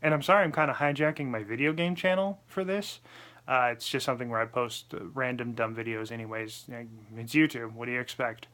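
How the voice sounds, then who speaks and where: A man's voice: mid-range voice, brisk, fairly bright tone. Lisping man in a casual personal vlog. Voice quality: lisp. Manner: apologetic, self-deprecating. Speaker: vlogger.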